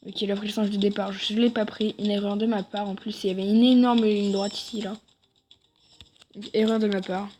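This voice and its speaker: A woman's voice: medium pitch, flat delivery, brisk, dark tone, a little hiss or hum. A woman giving rambling gameplay commentary for a video, often correcting herself mid-sentence. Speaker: gaming video creator.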